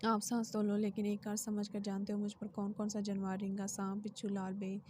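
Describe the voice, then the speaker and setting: A woman's voice: medium pitch, completely flat delivery, brisk, darkish tone, a little hiss or hum, close to an everyday voice. A woman reading the part of a traumatized teenage boy in a storybook novel, speaking with anguished, repeated pleading. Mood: bitter anguish. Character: traumatized teenage boy recounting abuse, bitter.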